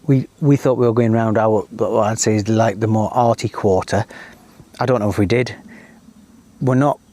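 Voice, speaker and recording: A man's voice: lowish voice, moderate pace. A middle-aged man co-hosting a podcast, telling stories in casual chat from outdoors in a garden. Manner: chatty storyteller, animated when ranting. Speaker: podcast co-host.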